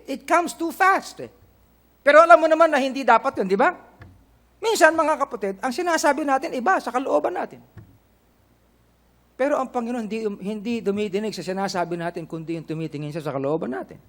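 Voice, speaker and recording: A man's voice: very high voice, animated, brisk, pauses often, fairly bright tone. A middle-aged Filipino man with a Filipino accent, preaching a sermon to his congregation, quoting scripture and asking them "Amen?" and "Correct?". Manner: preaching in Tagalog mixed with English, quoting scripture. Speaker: pastor.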